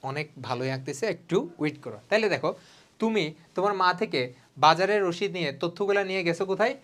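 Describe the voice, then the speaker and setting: A man in his twenties from Bangladesh, a biology tutor teaching an online exam-prep lesson. He talks fast and chatty, mixes in English words, and keeps checking that students follow. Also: high voice, fairly bright tone.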